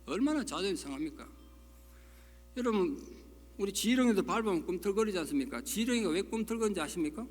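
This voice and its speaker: Middle-aged pastor guy, high voice, preaching folksy and punchy, big reverby church hall. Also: lively intonation, fast talker, soft background music. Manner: folksy and emphatic, with rhetorical questions. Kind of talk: sermon. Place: church sanctuary.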